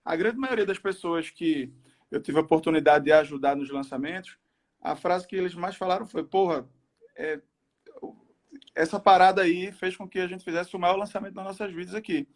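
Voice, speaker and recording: Brazilian gym-bro hype man, higher-pitched voice. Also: normal speed. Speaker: live stream host. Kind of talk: casual hype live chat.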